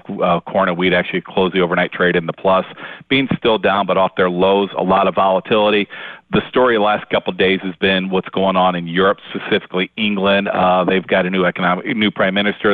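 A man's voice: deep voice, dry recording. A man speaking over the phone as a guest analyst, giving conversational market commentary with fillers and self-corrections. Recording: tinny dry phone line.

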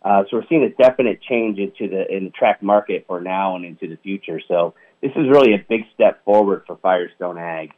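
A man's voice: low-pitched, fairly quick, hardly any pauses. A man talking on the phone as an interview guest, upbeat and leaning on "you know" fillers. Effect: over the phone. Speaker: product manager guest. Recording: tinny phone line.

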